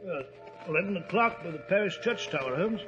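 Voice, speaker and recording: An actor playing a loyal, earnest British gentleman doctor and storyteller in a 1940s radio drama. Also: sits high, animated, fairly quick, music in the background. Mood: tense, watchful. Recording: reverberant, dull old radio recording.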